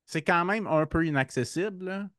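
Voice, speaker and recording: A man's voice: sits high, normal speed, fairly bright tone, no room sound, studio quality. A man with a Québécois French accent hosting a podcast, asking easygoing questions with hesitations. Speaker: podcast host. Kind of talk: casual interview questions.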